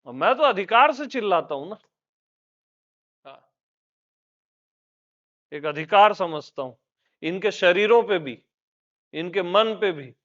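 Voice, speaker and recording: A man's voice: high-pitched, animated, slow pace, pauses often, a bit bright, dull audio. A man as a spiritual teacher giving an informal satsang talk, telling stories in a chatty way and laughing often.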